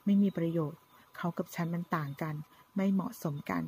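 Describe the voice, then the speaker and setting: A woman's voice: fairly low pitch, steady tone, a little fast, mellow, a little hiss or hum, close to an everyday voice. A woman voicing a hurt, resigned young man. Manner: weary and resigned.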